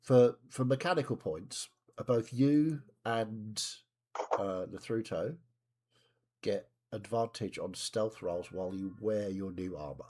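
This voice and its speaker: Mellow and slightly rough, a man's voice on the low side guides players through a tabletop game as game master. He describes scenes with measured asides and asks everyone what they do, all over voice chat during a live stream.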